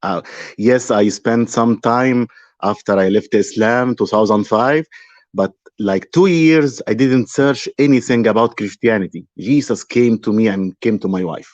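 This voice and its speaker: Halting Egyptian-accented man, low voice. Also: darkish tone, dry recording. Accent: Egyptian Arabic. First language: Arabic. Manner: halting, full of fillers and restarts. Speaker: guest. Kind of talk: casual live-stream conversation. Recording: dry, dull call audio.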